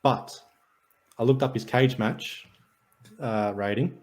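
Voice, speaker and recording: This male podcast co-host speaks at medium pitch and a slow pace. He works through stats and match notes in casual sports and wrestling talk, keeping it dry and jokey.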